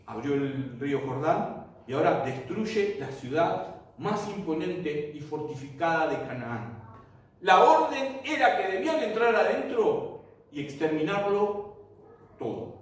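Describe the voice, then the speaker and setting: A man with a high voice leads a Bible lesson, telling the story vividly and checking in with rhetorical questions. He sounds far from the microphone, and his voice rings through a strongly echoing room. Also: sing-song, unhurried. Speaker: Bible teacher. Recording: echoey room, mic far off.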